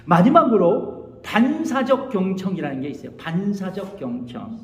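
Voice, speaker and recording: Male pastor, high and animated, call-and-response sermon, roomy church sound. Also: normal speed. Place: church sanctuary. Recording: echoey church hall.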